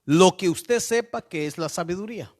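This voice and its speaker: A man preaching a sermon slowly and deliberately, often checking in with listeners with a questioning "¿sí?" and asking them to send in messages. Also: sits high. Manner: slow, deliberate preaching with frequent rhetorical "¿sí?".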